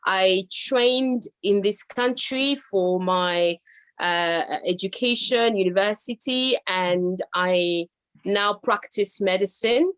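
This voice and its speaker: A young adult woman from the Democratic Republic of Congo, a medical doctor, speaks as a guest on a video call. Her medium-pitched voice is a bit bright and slow, and she hesitates with many fillers as she switches between languages.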